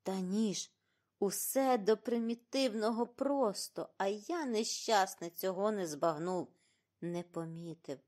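A woman reading an audiobook and voicing an excitable, fussy middle-aged male detective who speaks theatrically and in exclamations. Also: mid-range voice, a little slow, close to an everyday voice. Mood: agitated.

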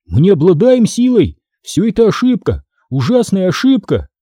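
A man's voice: high-pitched, big pitch swings, unhurried, dark tone, breathy edge, dry recording, clean studio sound, voice pushed up, heavily acted. A man voicing a scared young boy who stammers and pleads urgently in an audiobook. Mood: stammering. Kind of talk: audiobook character voice.

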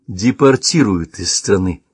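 A man's voice: on the low side, lively intonation, measured pace, breathy edge, no room sound, studio quality. A man reading a resigned young niece. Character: young woman, niece, subdued and sad.

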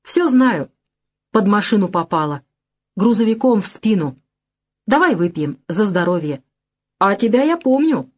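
A woman doing a hoarse drunken old father. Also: sing-song, measured pace, long pauses, darkish tone. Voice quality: hoarse angry bass. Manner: slurred drunken bluster. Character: drunken unshaven older male father, surly.

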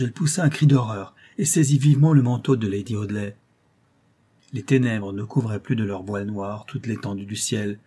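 Male audiobook narrator, mellow and husky, steady measured reading. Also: on the low side. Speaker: audiobook reader. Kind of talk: scripted narration of a classic novel.

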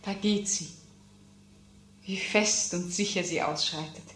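An actress playing a gentle, earnest young daughter who speaks tenderly and anxiously in a classic radio play. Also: female voice, medium pitch, steady tone, slow, husky. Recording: radio drama with faint music.

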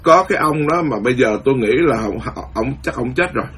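Animated husky monk preaching. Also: male voice, medium pitch, brisk. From Vietnam. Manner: animated, acts out quoted voices, laughs at his own story. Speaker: Buddhist monk giving a dharma talk. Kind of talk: storytelling sermon. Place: lives in the US, speaking to followers.

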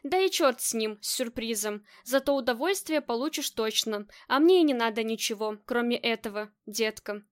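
Audiobook: a woman voicing a playful loving husband, soft and affectionate, light high tone. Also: lively intonation, normal speed, few pauses, no room sound, clean studio sound, lightly acted. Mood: tender. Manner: tender, playful. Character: affectionate teasing husband, grown man.

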